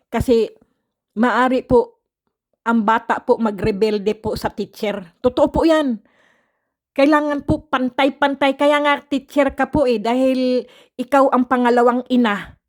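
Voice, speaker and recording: A woman's voice: high-pitched, steady tone, a little slow, long pauses. Chatty older woman with a raised voice. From Philippines, raised partly in Mindanao. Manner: chatty, polite, frank, laughs often. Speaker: vlogger. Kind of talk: casual storytelling to viewers.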